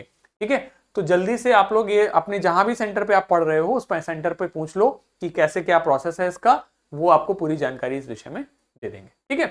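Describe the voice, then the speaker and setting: A young man with a voice that sits high leads a friendly video lesson for schoolchildren. He goes through pronunciation slowly, repeats every word a number of times, and speaks to the students as children.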